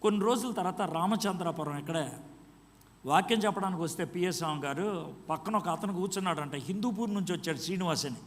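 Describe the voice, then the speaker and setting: A male preacher tells a story during a sermon, acting out each exchange of dialogue. His voice sits a little high for a man. It rings with a long reverb in a large hall. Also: fast.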